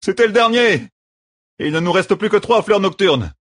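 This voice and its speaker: A man reading an audiobook, voicing a worried male companion who calls out loudly. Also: high-pitched, moderate pace, voice pushed up. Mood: alarmed. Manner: loud, excited.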